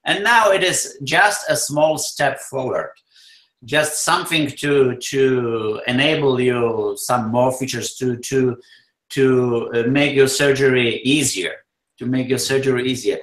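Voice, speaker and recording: A man's voice: mid-range voice, unhurried, fairly bright tone. A man with a Polish accent answering as a neurosurgeon in an interview, searching for words and repeating phrases. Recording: roomy, echoey sound.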